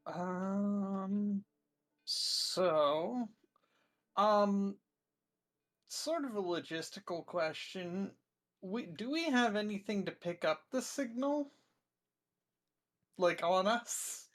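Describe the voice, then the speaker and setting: A woman's voice: medium pitch, animated, very slow, pauses often. A woman playing a tabletop game, asking practical rules questions hesitantly, with "um"s. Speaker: player.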